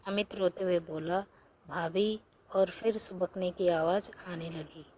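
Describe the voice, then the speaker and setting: Woman, storyteller, scripted story narration, mellow warm tone, soft steady delivery, faint hiss behind. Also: fairly low pitch, unhurried.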